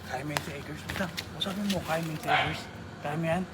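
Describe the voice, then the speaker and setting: Fast-talking high-voiced man. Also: very noisy. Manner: rapid, bossy, swears casually. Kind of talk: casual prank banter.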